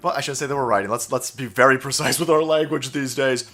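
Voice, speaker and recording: A man's voice: medium pitch, steady tone, quick pace, creaky, fairly bright tone. A man giving a casual, profane and sarcastic political rant while commenting on images. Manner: profane, sarcastic, frequent laughs.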